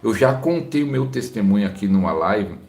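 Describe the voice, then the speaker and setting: A man's voice: lowish voice, expressive, normal speed, creaky, a little mellow, roomy sound. A man with a Brazilian Portuguese accent, a pastor preaching live and reading viewer comments aloud while encouraging the people who wrote them.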